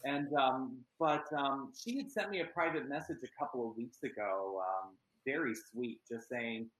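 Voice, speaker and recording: A man's voice: medium pitch, a little slow, a bit bright, reverberant, low-quality recording. A man from Pennsylvania talking as an actor in an interview, earnest and chatty with many ums. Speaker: actor and guest. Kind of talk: casual interview chat.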